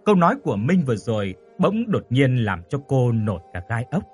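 A man's voice: medium pitch, very animated, fairly quick, slightly rough. A man narrating a horror story expressively, rising on tense moments. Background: faint music.

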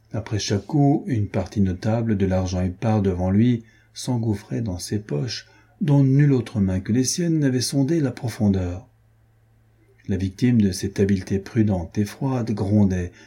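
Man, audiobook narrator, very dark tone, husky, steady reading. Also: on the low side. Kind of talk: scripted narration of a novel.

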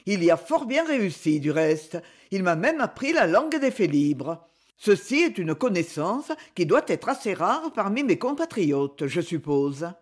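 A reader voicing a proud young English duke, speaking in measured, haughty sentences. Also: medium pitch, very animated. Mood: courteous.

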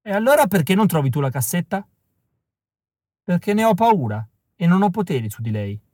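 A man's voice: sits high, sing-song, fairly quick, a little mellow, dry recording, voice pushed up. A man voicing a sly, treacherous male villain with a sneering, theatrical manner. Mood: sly mocking. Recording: dry close recording.

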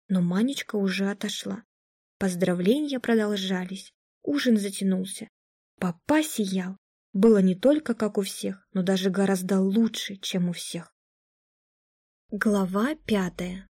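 A woman narrating an audiobook of a classic story in a measured, unhurried way. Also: medium pitch, warm tone, no room sound.

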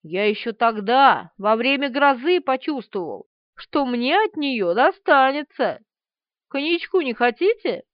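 A woman's voice: high-pitched, animated, a little slow, no room sound. A woman voicing a wry, drawling male artist in an audiobook. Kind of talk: audiobook character voice. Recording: slightly dull, dry.

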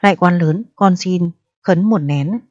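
A woman's voice: on the low side, unhurried, dark tone, no room sound. A woman voicing an anxious, grieving village father who pleads humbly with an official. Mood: pleading. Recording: dry, dull lo-fi recording.

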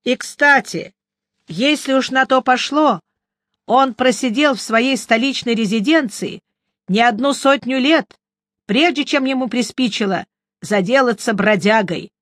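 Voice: medium pitch, expressive, moderate pace, a bit bright, no echo, natural voice. A reader voicing a grumpy, sarcastic old male wizard in an audiobook, with a sardonic, grumbling manner. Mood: wistful. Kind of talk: audiobook character reading.

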